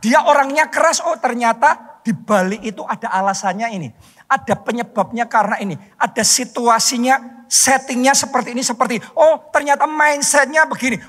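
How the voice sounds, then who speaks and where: A male pastor from Indonesia preaching a sermon, stressing points loudly and then dropping to soft, drawn-out words. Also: very high voice. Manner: emphatic, swings between loud stress and soft drawn-out words. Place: church hall. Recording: long hall reverb.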